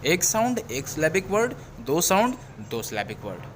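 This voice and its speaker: A male teacher walks through a video lesson. His voice sits a little high and he repeats points patiently. A faint hiss runs under the recording. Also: very animated, moderate pace, fairly bright tone. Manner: explanatory, repeats points, mixes English phrases into Hindi. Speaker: English teacher.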